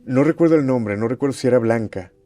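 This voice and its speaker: A man, a former radio host, recounting eerie on-air calls in a measured storytelling way. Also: mid-range voice, dark tone, no echo. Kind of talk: storytelling interview chat.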